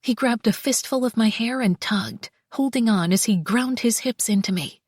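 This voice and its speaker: A woman narrating a first-person romance audiobook, soft and slow, with breathy whispered passages. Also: a little high, dry recording, studio quality.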